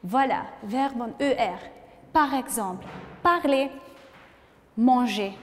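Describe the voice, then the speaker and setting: A female teacher gives a slow, careful lesson, spelling endings out letter by letter and pausing often between words. Her voice sits fairly high, and a long reverb hangs around it. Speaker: French teacher. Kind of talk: slow, patient language lesson. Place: room with a board.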